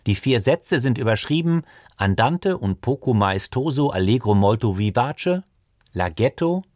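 A male radio presenter reading a scripted feature in a measured, precise way. He is recorded close and dry in a studio, with no room sound. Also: mid-range voice, lively intonation, a little mellow, dry recording.

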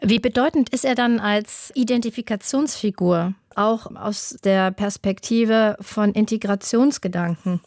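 Woman interviewer, mellow tone, composed framed questions, dry close sound. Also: medium pitch, unhurried, few pauses, no echo.

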